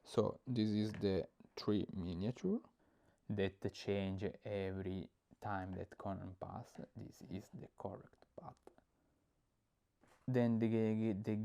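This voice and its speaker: A young Italian man explains board game rules in hesitant, accented English, pausing often to hunt for words and using many fillers. His voice is fairly low, creaky and dark, and the audio sounds dull.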